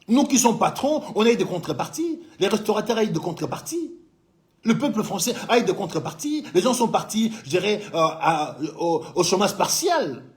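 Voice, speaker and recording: A man's voice: high-pitched, big pitch swings, normal speed. A man from Congo who runs a business in France, giving heated political commentary and scolding a president he addresses directly. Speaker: business owner living in France.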